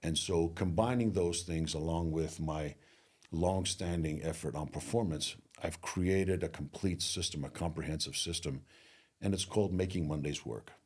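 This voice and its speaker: A middle-aged man from Greece, a leadership speaker and coach, talking earnestly in an interview and slowing down to stress key phrases. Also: low voice, a little mellow, breathy edge. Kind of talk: interview conversation.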